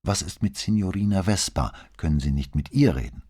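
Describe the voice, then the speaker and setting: A man voicing a calm, firm middle-aged police commissioner in a crime audiobook, questioning in a measured way. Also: low-pitched. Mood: probing. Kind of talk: audiobook reading.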